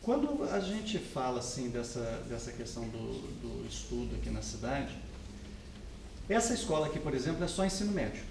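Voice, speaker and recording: A male interviewer asks slow, hesitant questions, with many pauses. He is recorded from across an echoey room. A faint ambient hum sits behind him. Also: medium pitch, big pitch swings, gravelly, distant mic.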